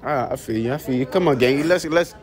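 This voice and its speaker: A man's voice: mid-range voice, fast. A teenage boy hosting a playful street interview at a school, asking questions on a handheld phone. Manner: playful, loud banter. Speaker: host. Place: school hallways and grounds. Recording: noisy crowd around.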